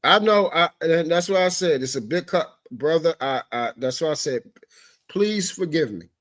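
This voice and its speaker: Guy on a livestream going off, kinda high voice, swearing, stammering, keeps saying sorry. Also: expressive, moderate pace, a bit bright. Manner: heated, profane ranting broken by repeated apologies; stammering restarts when upset. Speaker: livestream talk show regular. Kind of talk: impassioned livestream commentary.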